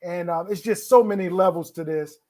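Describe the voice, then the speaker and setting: A man's voice: high-pitched, a little fast, darkish tone. A middle-aged man hosting a virtual telethon over a video call, encouraging and repeating phrases for emphasis. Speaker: telethon host.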